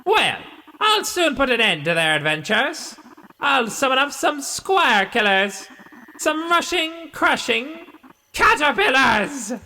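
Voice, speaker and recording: A man voicing a scheming male video game villain who commands insect spies, speaking slowly and theatrically. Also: extremely high pitch, very animated, sharp tone, in a large hall, a little hiss or hum, voice pushed up, heavily acted, low-quality recording. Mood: gloating. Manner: slow, gloating, theatrical.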